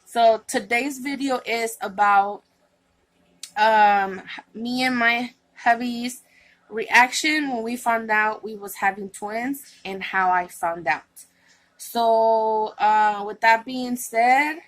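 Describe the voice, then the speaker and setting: Chatty tired woman with a higher voice. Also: takes it slowly, fairly bright tone, low-quality recording. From California. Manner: rambling, chatty, with many fillers and restarts. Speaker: vlogger. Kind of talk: casual vlog chat.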